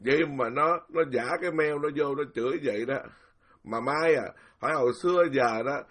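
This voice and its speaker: A man's voice: medium pitch, normal speed, fairly bright tone. An older man, a Buddhist monk with a Southern Vietnamese accent, giving a casual and indignant dharma talk. He rambles, repeats words and breaks into laughter.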